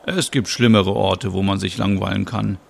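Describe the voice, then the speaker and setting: A man's voice: on the low side, steady tone, moderate pace, vocal fry. A man voicing a dry, skeptical young man in an audio soap opera, speaking in a wry, teasing way.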